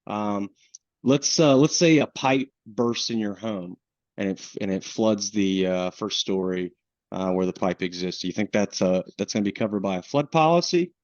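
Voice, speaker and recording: A man's voice: on the low side, moderate pace, a little mellow, dry recording. A man with a Southern US accent presenting a webinar on flood insurance in a casual way, with plenty of restarts and fillers. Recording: dull, lo-fi webinar audio.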